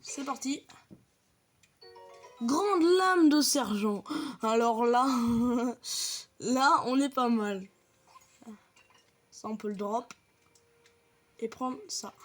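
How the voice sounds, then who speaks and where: High-voiced woman chatting through gameplay. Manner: chatty, swears lightly, explains steps to viewers. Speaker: gaming video creator. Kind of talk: casual gameplay walkthrough commentary.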